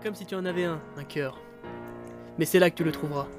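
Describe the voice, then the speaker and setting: A man acts out a solemn spirit of purgatory, speaking slowly and gravely in a slightly high voice. Soft music sits beneath him in this amateur film. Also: fairly even intonation, echoey room, close to an everyday voice. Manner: measured, solemn speech. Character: solemn male spirit judging souls in purgatory.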